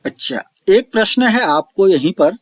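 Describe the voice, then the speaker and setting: A man teaching an online lecture, slowly explaining each term and repeating it, reciting verse lines drawn out. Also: high voice, expressive, dry recording, clean studio sound. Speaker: Sanskrit teacher.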